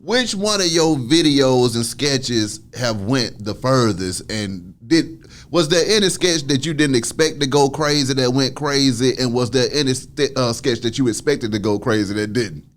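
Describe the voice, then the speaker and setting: A man hosting an interview, asking questions in slang and cheering his guest on with quick affirmations. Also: mid-range voice. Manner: hyped, encouraging, lots of affirmations. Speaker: interview host. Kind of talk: casual interview chat.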